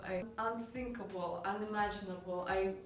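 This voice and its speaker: A woman speaking haltingly in a documentary interview, searching for her words. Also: medium pitch, steady tone, slight background noise. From Russia. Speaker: dancer, interviewee. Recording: echoey room with music underneath.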